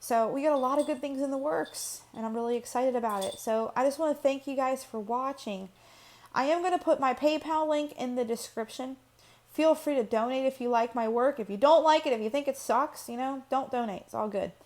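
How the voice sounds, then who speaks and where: Woman, personal vlog, casual rambling talk, slightly high-pitched voice. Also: brisk, a little mellow. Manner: rambling, casual, many fillers and restarts. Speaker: channel host.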